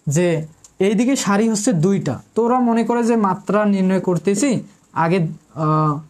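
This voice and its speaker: A woman's voice: mid-range voice, animated, unhurried, a little mellow. A woman math tutor, teaching an online lesson in an informal way. She quizzes students, answers her own questions, and repeats the key terms.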